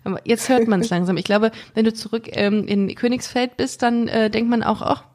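A young woman hosting a casual interview, thinking aloud in a halting, informal way. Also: fairly high pitch, a little mellow. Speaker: podcast host interviewing.

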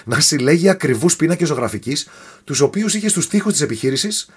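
A man telling a story in a casual podcast chat, animated and often tripping over foreign names. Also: on the high side, husky.

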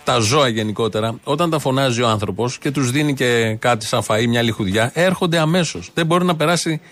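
A man's voice: mid-range voice, a bit bright, soft background music. A man hosting a commentary show, mocking and ironic as he remarks on news clips. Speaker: radio show host.

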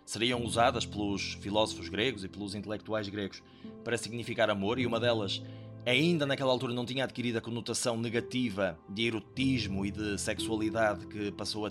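Speaking straight to his listeners, a podcast host explains scripture in a reflective, conversational teaching talk. He is a man with a European Portuguese accent and a mid-range voice.

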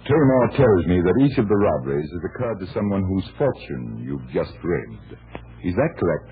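An actor playing a composed, inquisitive man who investigates mysteries, measured and deliberate, in an old-time radio drama. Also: low voice, big pitch swings. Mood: composed, probing. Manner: measured, deliberate, thoughtful pauses. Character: composed, inquisitive male magician sleuth. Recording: tinny vintage radio recording with music.

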